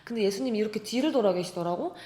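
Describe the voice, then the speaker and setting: A woman telling a personal faith story in casual chat, animated and acting out the quoted voices. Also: mid-range voice, racing. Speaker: guest. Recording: echoey room.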